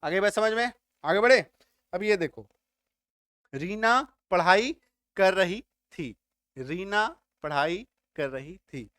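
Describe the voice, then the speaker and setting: A man's voice: high voice, animated, slow pace, long pauses, fairly bright tone, no echo. A man teaching English grammar step by step, often stopping to check whether his students have understood. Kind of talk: spoken grammar lesson.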